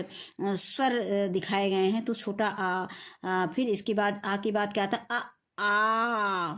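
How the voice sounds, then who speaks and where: A woman teacher giving a recorded reading lesson for young children, sounding out words syllable by syllable and answering her own questions. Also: fairly high pitch. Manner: slow syllable-by-syllable spelling out words; asks questions and answers them herself. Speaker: primary school teacher.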